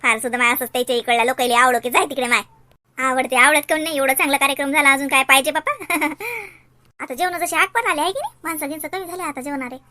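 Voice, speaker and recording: Brief: fast-talking woman with a bright, sharp voice in a village comedy sketch. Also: high voice, steady tone. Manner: chatty, fussing village banter.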